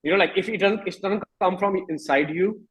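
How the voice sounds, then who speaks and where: An Indian-accented singer-songwriter in his thirties is interviewed casually, speaking informally and reflectively with lots of verbal tics like "you know." His high voice is a little fast, a bit bright and slightly rough, on a low-quality recording.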